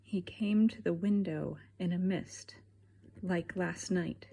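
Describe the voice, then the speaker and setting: A woman reading an audiobook, voicing a dying madman who tells his story in a husky whisper. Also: fairly low pitch, fairly even intonation, takes it slowly, mellow. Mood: feverish. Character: mad male asylum patient, creepy, whispering.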